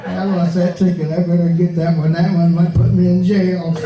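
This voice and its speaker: Old guy in his 60s doing stand-up, high voice, folksy rambling, mic far off in an echoey club with a crowd. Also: flat delivery, fairly quick, noisy background. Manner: folksy rambling storytelling, chuckling at his own jokes. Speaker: stand-up comedian. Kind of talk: stand-up comedy set. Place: comedy club stage.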